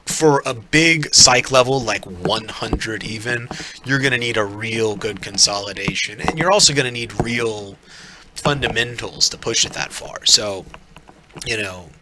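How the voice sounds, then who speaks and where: Male stream host, lowish voice, loose and rambling chart talk, noisy background. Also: measured pace. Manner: casual, rambling, thinks aloud with many fillers. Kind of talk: live forex chart walkthrough. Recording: noisy live stream audio.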